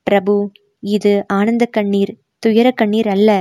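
A woman's voice: mid-range voice, level tone, measured pace, mellow, dry recording, clean studio sound, natural voice. Woman reading as a shy, emotional young maiden. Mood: tearful. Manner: pleading, coy. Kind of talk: audiobook reading.

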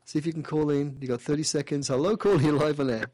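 Animated male call-in radio host. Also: on the high side, fast talker, very noisy. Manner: animated, playful, repeats and restarts phrases. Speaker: radio show host doing past-life readings.

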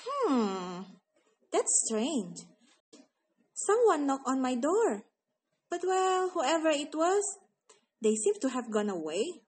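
A woman's voice: high-pitched, big pitch swings, slow pace, pauses often, a little mellow, heavily acted. A woman voicing a timid, easily frightened young elephant in a children's story. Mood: puzzled. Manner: easily frightened, gasping and pleading. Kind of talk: storybook character voice.

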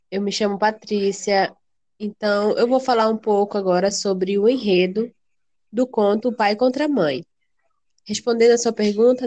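A young woman student giving a measured explanation in an online class presentation. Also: mid-range voice, a little mellow.

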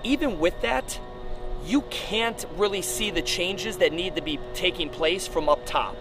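Speaking outdoors on a rooftop amid urban traffic sounds, a man who owns a gym gives a crude, straight-talking podcast rant in a coaching style. His voice is high-pitched and measured, with music in the background.

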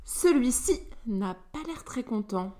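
A woman's voice: a little high, expressive, measured pace, warm tone. A woman voicing a wry, teasing elegant aristocratic woman in a storybook reading.

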